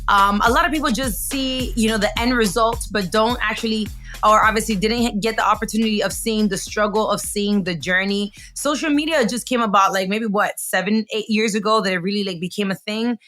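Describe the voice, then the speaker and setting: A woman's voice: medium pitch, brisk, a bit bright, soft background music. A woman hosting a podcast in a bubbly, chatty way, slipping Spanish phrases into her talk. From raised in the United States. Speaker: podcast host. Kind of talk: casual podcast chat.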